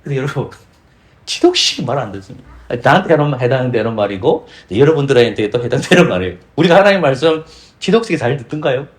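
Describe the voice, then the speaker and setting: A man's voice: mid-range voice, very animated, quick pace. A man preaching a Sunday sermon as pastor with a Gyeongsang accent, firing rhetorical questions at the congregation and acting out quoted voices. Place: church sanctuary.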